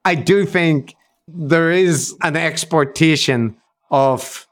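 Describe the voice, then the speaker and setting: A man's voice: a little high, slow. A man co-hosting a podcast, talking things through with fillers and the odd swear. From Northern Ireland. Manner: thoughtful, many fillers, swears casually. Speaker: podcast co-host. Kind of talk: casual discussion.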